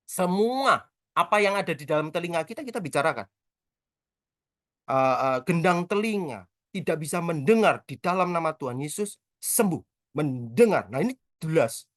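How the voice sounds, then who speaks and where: A man's voice: high-pitched, no echo, clean studio sound. A middle-aged man, a church prayer trainer teaching the Bible in a casual, talkative and joking way. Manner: talkative, quick and animated, with self-mocking humor.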